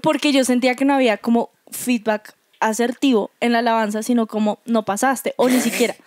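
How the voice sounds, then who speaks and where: A woman's voice: on the high side, steady tone, a little fast, a little mellow, no room sound, clean studio sound. A young woman in casual church-group chat, telling stories and acting out quoted lines. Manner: chatty storyteller, acts out quoted lines. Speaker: youth church band member.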